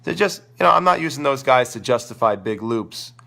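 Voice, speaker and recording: Pushed and bright, his mid-range voice is expressive and a little fast despite being crackly and gravelly from a sore throat. He's a tennis coach hosting a live-stream Q&A, rambling eagerly and thinking aloud as his voice fades.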